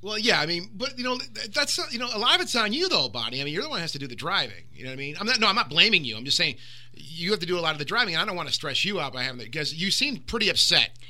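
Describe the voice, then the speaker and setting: A man's voice: high-pitched, sing-song, rapid-fire, bright, forceful tone. A man hosting a podcast in casual chat, rambling loosely and swearing now and then. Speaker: podcast host. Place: Michigan recording room.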